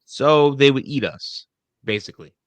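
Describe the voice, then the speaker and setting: A man's voice: mid-range voice, animated, normal speed, no echo. A man in casual chat, reacting as a co-host.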